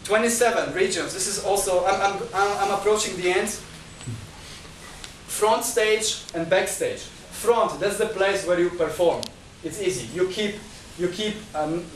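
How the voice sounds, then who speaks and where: A guest speaker whose voice sits high, a man whose first language isn't Chinese, gives a lecture-style talk at a discussion group indoors at a talk venue. He takes it point by point through a numbered list, restarting and repeating words often. A little hiss or hum comes with the echoey room and distant mic.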